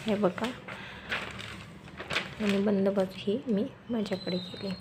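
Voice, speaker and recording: A woman giving a step-by-step sewing tutorial, speaking softly and quietly at night, repeating steps as she goes. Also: mid-range voice, flat delivery, slow pace, a little hiss or hum. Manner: instructional, repeats steps and measurements.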